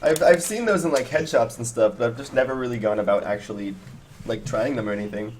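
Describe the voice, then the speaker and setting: A man's voice: mid-range voice, fast talker, a little mellow. A twenty-year-old man chats loosely with his viewers on a home live stream. He rambles, restarts his sentences and laughs often, talking into a headset over a video call. A faint hiss of noise sits behind his voice. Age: 20s. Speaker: cannabis streamer. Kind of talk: casual live-stream chat. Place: small home room, indoors.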